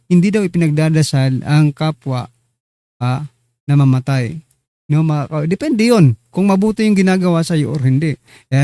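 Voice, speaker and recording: A man's voice: a little high, mellow, dry recording. A man hosting a casual political commentary show, chatty and teasing as he talks straight to his viewers. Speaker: online news commentary host.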